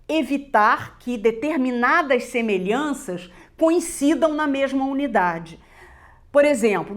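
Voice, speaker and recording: A middle-aged woman with a Brazilian Portuguese accent explaining literacy teaching, measured and emphatic, checking in with "né?". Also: fairly high pitch. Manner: measured, emphatic, lists points with repeated "né?". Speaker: literacy teacher presenting a textbook.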